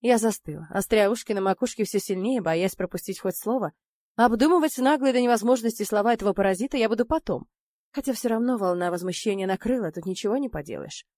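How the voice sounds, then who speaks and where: A woman narrating a first-person audiobook in a wry, expressive way. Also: medium pitch, quick pace, no echo.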